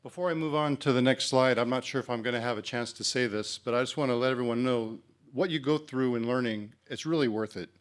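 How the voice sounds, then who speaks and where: A man's voice: medium pitch, fast. A man giving a conference presentation for a club, speaking in a casual, encouraging way with plenty of ums and uhs. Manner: casual, encouraging, many fillers.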